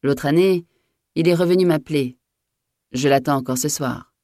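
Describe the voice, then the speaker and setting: A woman's voice: low-pitched, normal speed, warm tone, dry recording, clean studio sound. A woman voicing a terrified, superstitious old male gamekeeper who stammers in panic. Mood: grim.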